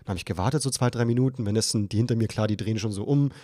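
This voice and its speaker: Racing through a long, casual story, this young podcast host animatedly plays out his own flustered moments, pitching his voice high to mimic his panic. It's a clean studio recording without any room sound.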